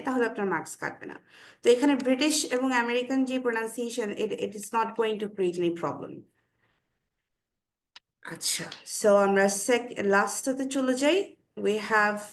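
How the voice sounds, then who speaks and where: A woman with a Bangladeshi accent teaching an online webinar lesson, mixing Bengali with English phrases and pausing on fillers. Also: a little high, fairly bright tone. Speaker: IELTS speaking instructor.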